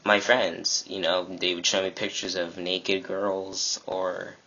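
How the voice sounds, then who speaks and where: Teen boy, earnest preaching vlog, husky low voice, dull lo-fi sound. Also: slow pace. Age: teens. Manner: earnest, animated, acts out quoted classmates. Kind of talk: casual preaching to camera. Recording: dull lo-fi webcam audio.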